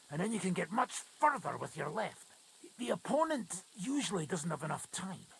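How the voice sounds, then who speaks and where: A man's voice: sits high, vocal fry, a bit bright, slight background noise, exaggerated voice. An actor playing a blunt, middle-aged male sword master in a video game, speaking in a brusque, instructive way and swearing casually. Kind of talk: game character dialogue.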